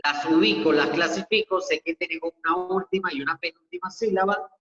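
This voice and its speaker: Male teacher, online class, slow methodical delivery, dull boomy reverb. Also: sharp tone, faint music behind. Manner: slow, methodical step-by-step explaining. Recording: echoey dull lo-fi room audio.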